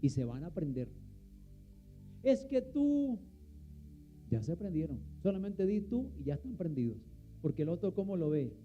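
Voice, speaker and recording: Pastor guy preaching, throws questions at the crowd, kinda high voice, muffled lo-fi sound. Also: moderate pace, long pauses, faint music behind. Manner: animated, asks the congregation questions and answers them. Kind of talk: sermon.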